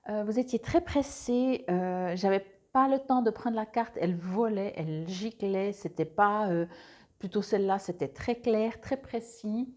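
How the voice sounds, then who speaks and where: A woman's voice: medium pitch, unhurried, a little mellow. A woman doing a casual monthly card reading on a clip-on mic, hesitant, with many fillers and restarts. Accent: Swiss French. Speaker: tarot card reader.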